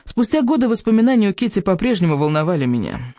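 A woman narrating a first-person novel in a measured, emotional way. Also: medium pitch, very animated, mellow, no room sound, studio quality. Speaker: audiobook narrator.

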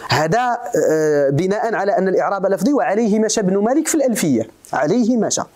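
A man's voice: high-pitched, sing-song, quick pace, darkish tone. A man from Morocco with a Moroccan accent, giving a classroom lecture as a religious scholar teaching grammar. He keeps quizzing his students and repeats each point.

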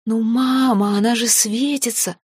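A woman's voice: on the high side, fairly even intonation, unhurried, a little mellow, husky, no room sound, studio quality, voice pushed up. A woman doing a squealing baby dragon boy. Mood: excited. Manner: squealing, gushing words breathlessly. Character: excitable baby dragon boy, eager and naive.

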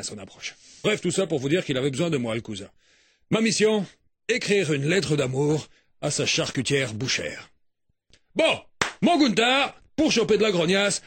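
A man's voice: a little high, slightly rough, dry recording, clean studio sound. A man doing a comic radio monologue in a theatrical, mock-poetic, exaggerated way. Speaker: radio morning show comedian.

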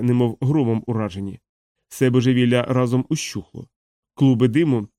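A man narrating an audiobook in a steady, expressive storytelling voice. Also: medium pitch, no echo, studio quality. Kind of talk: audiobook reading.

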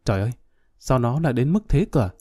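A man's voice: medium pitch, animated, fast talker, dark tone, breathy edge, no echo, studio quality. A man voicing a frightened young wife who pleads anxiously in a storybook reading. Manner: worried, pleading.

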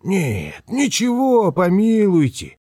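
A gruff, irritable lodger, played by a man, who grumbles, hisses and puts on a strained polite tone. Storybook reading with a lively pitch, recorded close and dry. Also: slow, no echo, exaggerated voice. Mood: hissing, forced polite. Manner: gruff, hissing, forced politeness.

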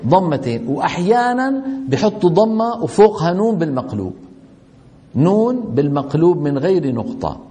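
A man's voice: high-pitched, very animated, normal speed, dark tone. A middle-aged man teaching a tajweed lesson, often putting questions to his students and answering them himself. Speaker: Quran recitation teacher.

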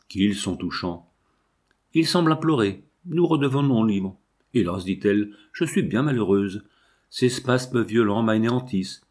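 Homme lisant un roman libertin, expressif. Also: male voice, mid-range voice, darkish tone. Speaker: audiobook reader. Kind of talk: dramatic literary reading.

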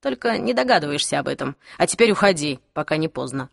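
A woman voicing a cold, cocky young male demon hunter, speaking slowly and calmly with quiet menace. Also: sits low, vocal fry, no room sound, studio quality, voice pushed down, heavily acted. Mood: mocking. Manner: slow, calm, menacing. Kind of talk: audiobook character voice.

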